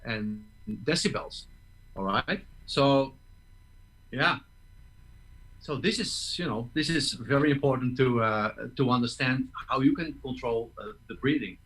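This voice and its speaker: A man's voice: mid-range voice, fairly bright tone, low-quality recording. A man teaching tuba breathing in an online master class, explaining step by step and often checking in with "okay?". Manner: explains step by step, restarts words, asks "okay?".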